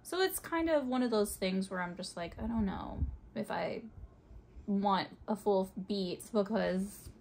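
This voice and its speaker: A young woman chatting candidly and relaxed with her best friend while her makeup is done. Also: medium pitch, a little slow, creaky, a little hiss or hum. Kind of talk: casual chat.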